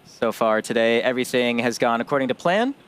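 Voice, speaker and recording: A man's voice: medium pitch, lively intonation, brisk, a bit bright, smooth. A man hosting a launch webcast with polished live commentary. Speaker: webcast host.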